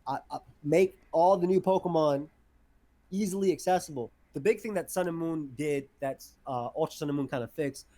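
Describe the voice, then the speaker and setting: A man talking as a podcast guest in casual chat, excitable and quick to repeat his words as he starts sentences. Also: fairly high pitch.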